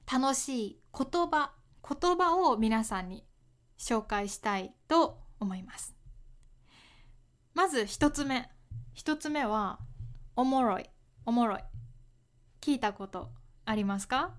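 A young woman from Kyoto who hosts a podcast, teaching Japanese in a slow, clear lesson and repeating words gently. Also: fairly high pitch. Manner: gentle, friendly, explains words slowly and repeats them.

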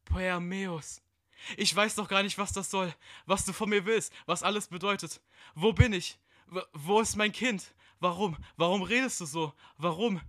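A man voicing a desperate, crying male wretch, broken by guilt, in a dramatic story reading. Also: moderate pace. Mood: desperate pleading. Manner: high, pleading, shouted questions.

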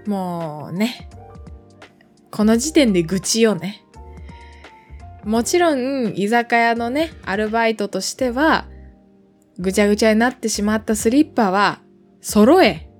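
A woman's voice: on the high side, animated, takes it slowly, long pauses, faint music behind. A woman in her twenties hosting a casual solo podcast, chatting in a rambling way with lots of fillers and asides. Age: 20s. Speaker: podcast host.

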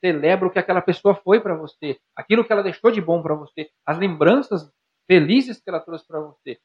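Brazilian male psychologist, husky, rapid, animated explainer, lo-fi sound. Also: sits high. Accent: Brazilian Portuguese. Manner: animated, talks to the listener directly with rhetorical questions. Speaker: psychologist guest. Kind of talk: conversational explaining with examples. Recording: dull lo-fi sound.

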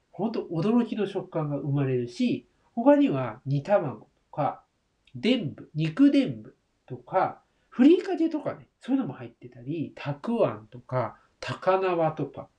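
A man's voice: fairly high pitch, mellow. A man hosting a solo talk show, describing food with enthusiasm and speaking straight to his listeners. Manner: enthusiastic, addresses listeners directly. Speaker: host comparing Taiwanese rice balls.

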